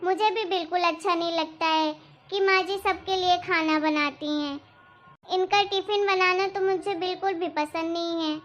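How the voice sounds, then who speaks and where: A proud, modern young daughter-in-law from a cartoon, voiced by a woman. She talks in a dismissive, smug way with a very high voice. The recording is dull and lo-fi. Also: steady tone, normal speed, a bit bright, a little hiss or hum. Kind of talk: cartoon voice acting.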